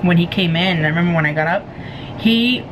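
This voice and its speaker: Low-voiced woman chatting over background noise. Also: fairly quick. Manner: giggly, animated retelling with acted-out quotes. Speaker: vlogger telling a family story to viewers. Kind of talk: casual storytelling chat to camera.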